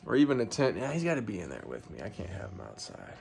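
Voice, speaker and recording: A young man casually walking through his camping gear in a home basement, talking to a handheld phone camera in a relaxed, chatty way. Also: lowish voice, fast talker, creaky, a little hiss or hum. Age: young adult. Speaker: outdoor gear vlogger. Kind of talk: casual vlog walkthrough. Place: home basement room, indoors. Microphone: phone camera held close.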